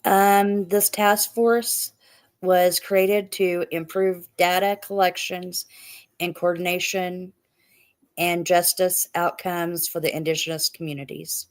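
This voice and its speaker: A Midwestern woman co-hosting a casual podcast in a fairly low voice. She reads from her research notes and spells out some words letter by letter. Her tone stays conversational and unscripted. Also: little pitch movement, takes it slowly. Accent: Midwestern American. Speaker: podcast co-host. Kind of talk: casual chat.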